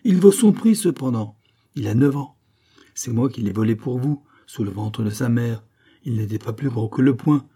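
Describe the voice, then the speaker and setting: A man's voice: medium pitch, lively intonation, normal speed, mellow, slightly rough. A man reading a novel aloud, voicing a cheeky young man who talks with mocking, pompous grandeur.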